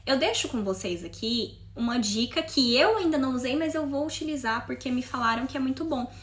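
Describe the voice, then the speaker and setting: A talkative woman from Montes Claros speaks with a Mineiro Brazilian accent. She chats casually to camera as a vlogger. Her voice sits high and sounds crisp and bright. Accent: Mineiro Brazilian Portuguese. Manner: chatty, talkative.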